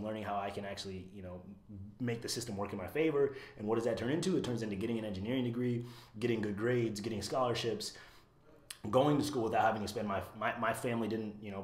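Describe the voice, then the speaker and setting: A man's voice: lowish voice, echoey room. A young man from Iowa sharing his family story as a podcast guest, earnest and reflective, with many restarts. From USA, raised in Iowa. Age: young adult. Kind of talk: casual storytelling.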